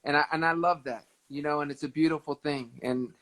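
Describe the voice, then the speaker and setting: A man in his thirties hosting a casual livestream chat with a fan, warm and often repeating words as he thinks. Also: a little high, steady tone, brisk, rough recording. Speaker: livestream host. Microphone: phone on a live video stream.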